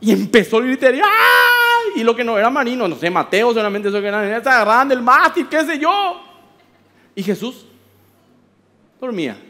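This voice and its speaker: A man with a Paraguayan Spanish accent, a pastor preaching a sermon with animated storytelling and acted-out voices. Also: extremely high pitch, normal speed, long pauses, long reverb tail.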